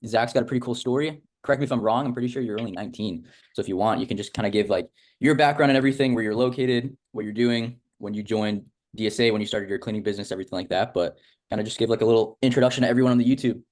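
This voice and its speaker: A young adult man hosts a casual interview with a student of a business academy, rambling informally with lots of filler words. His mid-range voice is a little mellow and very fast.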